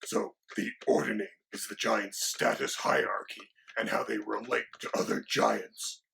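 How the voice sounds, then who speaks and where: A man voicing a mock-menacing male dragon sidekick who explains monster lore in a hushed, lecturing way. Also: lowish voice, flat delivery, unhurried, creaky, a little hiss or hum, exaggerated voice. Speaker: co-host.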